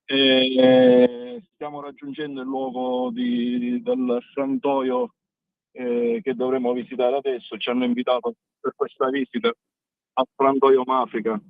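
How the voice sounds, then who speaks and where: A man calling in on speakerphone while driving, explaining plans in a halting, step-by-step way as an event organizer. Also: medium pitch, gravelly, no echo. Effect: on speakerphone over a phone line while driving. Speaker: phone-in guest, event organizer. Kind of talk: casual phone chat on radio. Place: in a car. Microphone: hands-free car speakerphone. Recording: dry, tinny phone line.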